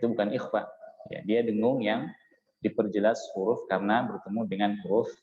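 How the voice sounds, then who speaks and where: In a mosque hall with echo and dull, lo-fi sound, an Islamic teacher from Indonesia instructs on Quran recitation in a lowish, steady, darkish voice. Each rule gets a patient explanation, example words are chanted slowly, and a quick "ya" keeps checking on listeners.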